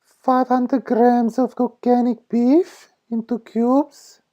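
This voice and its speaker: A woman's voice: fairly high pitch, little pitch movement, slow pace, mellow. A woman presenting a cooking show, listing ingredients without hurry and addressing viewers affectionately, with dull lo-fi sound. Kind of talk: recipe ingredient narration.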